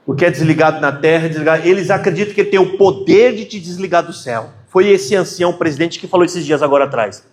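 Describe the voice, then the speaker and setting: A man's voice: a little high, fast, hardly any pauses. A man with a Brazilian Portuguese accent preaching a conference talk, telling stories and acting out quoted dialogue, building to impassioned emphasis.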